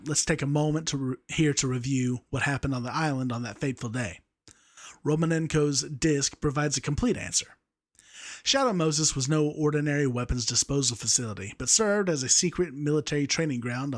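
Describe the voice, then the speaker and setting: A young man reading a story aloud, amused by the text he narrates. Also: medium pitch. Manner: amused, breaks off to laugh at the text.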